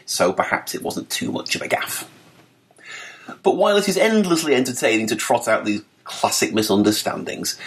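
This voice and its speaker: A man in his forties with a Mancunian accent reads his own article aloud. His pitch rises and falls in a lively way, and he delivers each point with wry, dry humour. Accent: Mancunian English. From north of England. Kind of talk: scripted narration.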